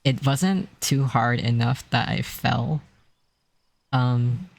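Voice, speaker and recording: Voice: medium pitch, takes it slowly, vocal fry. A streamer chatting casually on a live stream, telling stories in a rambling way with many restarts and a self-described weak, easily strained voice.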